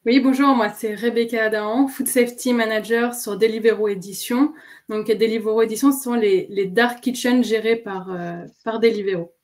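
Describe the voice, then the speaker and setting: A woman with a fairly high voice speaks as a guest expert on food safety. She answers in a measured way, pausing now and then to find her words. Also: steady tone, darkish tone.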